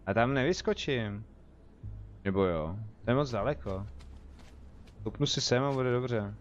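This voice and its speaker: A man's voice: mid-range voice, expressive, highs cut off, a little hiss or hum. A young man with a Czech accent, chatting casually as he streams a game and jokes with his viewers. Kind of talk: casual live gameplay commentary.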